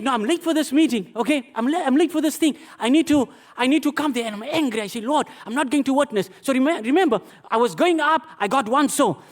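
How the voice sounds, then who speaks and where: A pastor with a very high voice tells his own testimony in a sermon, poking fun at himself with lively energy and calling the congregation beloved.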